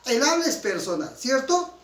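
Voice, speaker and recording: A man from Huancayo with a Peruvian Spanish accent gives a classroom lecture in a very high, slightly bright voice with big pitch swings and a normal speed. He teaches emphatically and keeps checking with his students. The recording sounds roomy and distant, with faint room noise.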